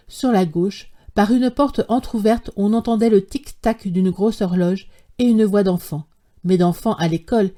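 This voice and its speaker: A woman narrating a classic short story as an audiobook, in a measured, literary reading style. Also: mid-range voice, mellow.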